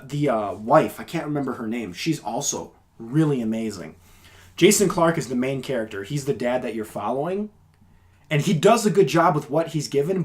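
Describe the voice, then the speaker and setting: A man's voice: a little high, darkish tone. A man co-hosting a film review podcast, chatting casually and animatedly, with lots of filler words. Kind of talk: casual chat.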